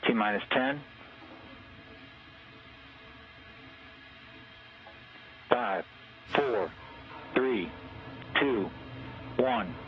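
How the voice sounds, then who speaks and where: A man's voice: medium pitch, lively intonation, drawn-out words, lo-fi sound, faint music behind. A man making clipped, procedural countdown calls as a launch controller over a mission control radio loop.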